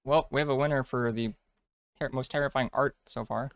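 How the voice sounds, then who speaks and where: A man's voice: mid-range voice, fairly even intonation, a little fast, dry recording. Casual, slangy man chatting on a dry mic. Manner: laid-back slang, says dude often. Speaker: co-host of a card game stream. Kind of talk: casual chat, off-the-cuff commentary.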